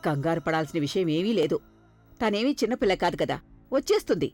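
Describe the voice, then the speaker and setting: A woman's voice: fairly low pitch, big pitch swings, quick pace, a little mellow, soft background music. A woman dubbing a tender older grandmother in a TV serial, coaxing and comforting. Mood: soothing. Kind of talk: dubbed TV serial drama.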